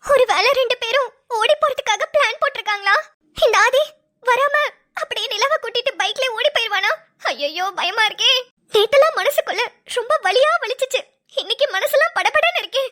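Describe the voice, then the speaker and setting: A woman's voice: extremely high pitch, lively intonation, a little fast, sharp tone, exaggerated voice. A woman voicing a jealous young ex-girlfriend in a cartoon, whiny and pleading. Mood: anxious. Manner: whiny, pleading, self-pitying. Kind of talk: cartoon dialogue.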